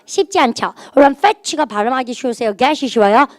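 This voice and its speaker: A woman's voice: high-pitched, normal speed, no room sound. A middle-aged woman teacher, giving a recorded grammar lecture and drilling her students with call-and-response prompts. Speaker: English teacher.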